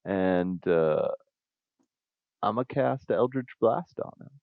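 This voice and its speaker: A man's voice: deep voice, expressive, slow pace, vocal fry, dry recording. A man playing a tabletop game, describing his turn with playful slang. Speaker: player. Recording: tinny phone-like online call.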